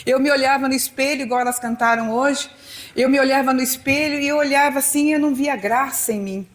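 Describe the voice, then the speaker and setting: A woman's voice: high voice, fairly even intonation, fairly quick. A woman in her sixties with a Brazilian accent, preaching a sermon as a pastor and telling her own life story in a personal, conversational way with quoted dialogue. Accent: Brazilian Portuguese. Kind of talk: sermon testimony.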